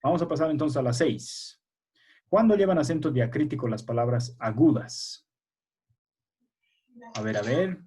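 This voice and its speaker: Over a video call, with slight background noise, a man leads a primary school language lesson in a warm, mid-range voice, speaking at a measured pace and pausing often. Patient and encouraging, he quizzes the children and keeps checking in with "a ver" and "¿ya?".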